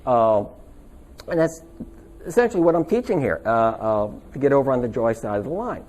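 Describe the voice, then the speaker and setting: A very animated man with a medium-pitched, darkish voice teaches a stress workshop at a normal speed in a seminar room with a live audience. He keeps it casual and chatty, telling stories and asking his listeners to agree so he knows they follow.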